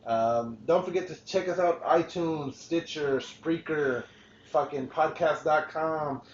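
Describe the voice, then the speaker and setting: A man's voice: on the high side, takes it slowly, a little hiss or hum. A man hosting a casual podcast chat, rambling and swearing freely with frequent restarts. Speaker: podcast host. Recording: roomy, dull lo-fi podcast recording.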